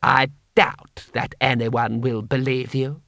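A man voicing a cold, scheming older imperial lord who speaks slowly and haughtily. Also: mid-range voice, flat delivery, gravelly, sharp tone, no room sound, studio quality, full character voice. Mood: menacing. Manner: slow, haughty, menacing.

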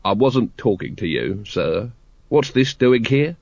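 A man voicing an exasperated, sarcastic captain of a city watch with a gruff, snappish manner. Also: on the low side, sing-song, unhurried, a little mellow, no echo, dull audio, exaggerated voice. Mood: sardonic disbelief.

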